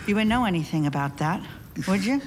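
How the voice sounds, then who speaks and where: A woman's voice: medium pitch, animated, fairly quick, darkish tone, lightly acted. An actress playing a blunt, sarcastic woman who questions a stranger with profane bite. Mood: menacing. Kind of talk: audio drama acting. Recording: noisy background.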